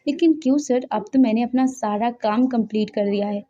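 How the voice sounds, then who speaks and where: A flustered, overworked young woman assistant, as a woman storyteller puts her on, pleading and exasperated. The tone is warm and mellow, the recording dull and lo-fi. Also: a little high, brisk, natural voice.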